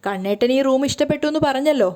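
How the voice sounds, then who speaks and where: A woman voicing a shy, playful young newlywed wife in a serial recap, talking softly and teasingly. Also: sits high, quick pace, lightly acted. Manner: soft, teasing and bashful.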